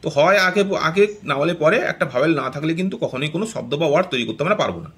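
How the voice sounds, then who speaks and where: A man's voice: a little high, animated, rapid-fire, fairly bright tone. A man teaching English grammar to learners in Bengali, explaining step by step and checking often that they follow. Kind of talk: classroom grammar lesson.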